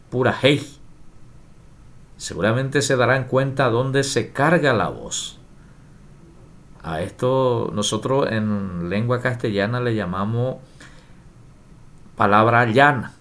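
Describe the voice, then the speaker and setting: A man giving a spelling lesson, reading rules and examples aloud slowly and deliberately. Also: medium pitch, fairly bright tone. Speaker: teacher.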